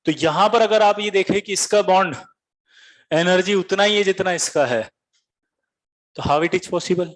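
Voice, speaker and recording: A man's voice: high voice, a little slow, long pauses. A man from Bihar, a teacher giving a comic classroom lecture, quizzing students and telling stories with animation. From Bihar, India.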